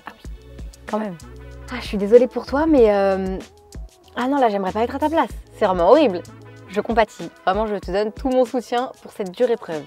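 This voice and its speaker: A woman vlogger chatting casually, reading out viewers' stories and reacting to each one in an animated way. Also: fairly high pitch, a little fast, soft background music.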